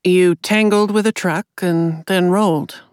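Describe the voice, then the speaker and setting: A woman voicing a calm, probing female undersheriff. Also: lowish voice, clear, resonant tone, no echo, studio quality, natural voice. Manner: measured, quietly probing. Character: calm steady female undersheriff questioning a victim.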